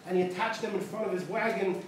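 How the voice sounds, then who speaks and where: Male rabbi, animated storyteller, high voice; distant, very echoey synagogue recording with background noise. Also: fast talker. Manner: animated storyteller, acts out quotes, Yiddish words mixed in. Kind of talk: storytelling talk at a gathering. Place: synagogue hall. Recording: very echoey hall, distant mic, noisy.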